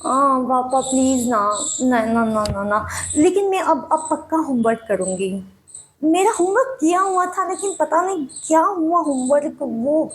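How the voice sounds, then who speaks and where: An actress auditioning performs a dramatic monologue as a young girl who misses her mother and pleads with her father. Her high-pitched, expressive voice is unhurried, pleading and childlike, with lots of repetition. A little hiss or hum is audible.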